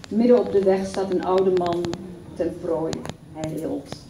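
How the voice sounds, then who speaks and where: A woman reciting a poem at a public event in a measured, solemn reading. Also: fairly low pitch, fairly even intonation, noisy background. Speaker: poetry reader. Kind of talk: poetry recitation. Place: event hall. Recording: echoey hall from far off.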